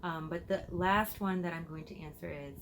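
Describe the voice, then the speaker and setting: A perfume vlogger from Illinois in the United States answers viewer questions to camera, chatty and thinking aloud, recording on her phone. Her voice sits on the low side with a fairly bright tone, fairly even intonation, and normal speed, over slight background noise.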